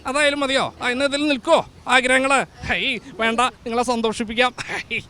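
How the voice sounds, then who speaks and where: A man playing a jolly, high-voiced King Mahabali. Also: steady tone, normal speed, sharp tone, some chatter behind. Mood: cheerful. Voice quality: playful, with teasing exclamations. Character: jolly King Mahabali, male, festive and teasing. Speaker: host. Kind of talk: comic street show with quizzes and giveaways.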